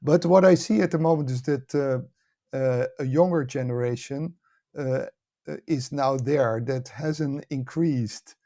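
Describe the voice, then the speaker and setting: This podcast guest is a man from the Netherlands, middle-aged or older, who directs an academy and writes books. His Dutch-accented voice sits at medium pitch with a dark tone as he explains things calmly and conversationally during the interview.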